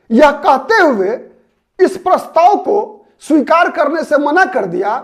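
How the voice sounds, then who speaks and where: A man hosting his own channel, giving solo political commentary. He talks analytically, repeats key names and words, and asks rhetorical questions before answering them himself. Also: very high voice.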